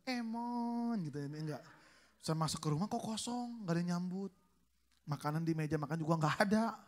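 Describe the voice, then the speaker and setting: A man's voice: a little high, fast talker. A male pastor preaching a sermon at a church service, telling family stories with jokes and acting out the dialogue. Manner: joking storyteller, acts out family dialogue.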